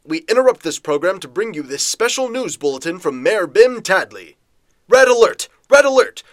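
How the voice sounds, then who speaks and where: A man's voice: sits high, very animated, normal speed, voice pushed up. A man voicing an alarmed male radio news announcer in a brassy patter.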